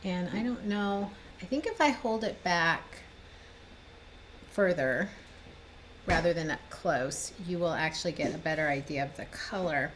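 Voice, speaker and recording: A woman in her fifties, sounding a little stuffed up, chats cheerfully and rambles as she shows off her cross-stitch projects at home, in a room lined with bookshelves. She's a cross-stitch designer and vlogger with a lowish, unhurried voice. The recording is rough, with slight background noise.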